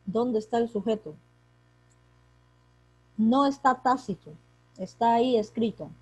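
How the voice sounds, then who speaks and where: A woman's voice: fairly high pitch, unhurried, a little mellow, husky, no room sound. A woman teacher running an online class for young secondary pupils, calling on students by name and asking and answering her own questions as she explains grammar. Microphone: computer mic on a video call.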